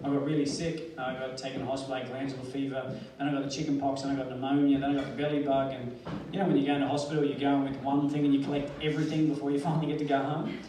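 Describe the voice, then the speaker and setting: A man's voice: medium pitch, little pitch movement, very fast, hardly any pauses. An Australian man giving a motivational speech, telling his life story earnestly with bits of humor. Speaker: motivational speaker. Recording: echoey hall, distant mic, noisy.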